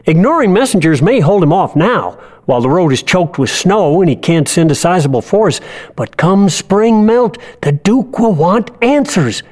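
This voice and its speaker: A man voicing an earnest, worried village father and elder with measured, folksy speech in a fantasy audio drama. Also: sits high, animated, darkish tone, pitched above the performer's own voice. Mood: concerned, urgent.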